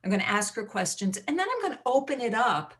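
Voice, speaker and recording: A woman hosting a live online interview, briskly introducing her guest and taking questions from the chat. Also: fairly high pitch, very animated, a bit bright. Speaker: host, interviewer. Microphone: video call.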